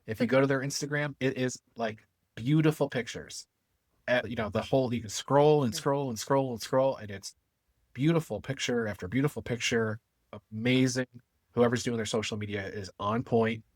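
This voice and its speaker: A man's voice: mid-range voice, no room sound. A man co-hosting a podcast, chatting and telling a story in a joking way. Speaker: podcast co-host. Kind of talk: casual podcast chat.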